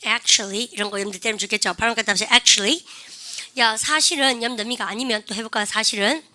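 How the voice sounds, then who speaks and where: A woman teaching an English speaking class, animated and drilling her students with prompts and slow, drawn-out example phrases. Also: a little high. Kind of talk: classroom lesson.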